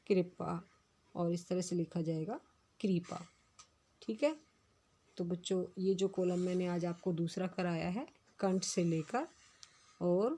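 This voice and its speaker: A woman teacher giving a recorded class lesson, going slowly and carefully through spelling words. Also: lowish voice, dark tone. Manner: slow, careful dictation of words. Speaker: school teacher.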